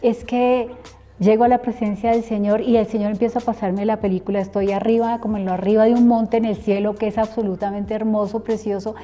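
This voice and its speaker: A woman's voice: medium pitch, flat delivery, fairly quick, dark tone. A middle-aged woman, a preacher earnestly telling her personal testimony and acting out remembered conversations.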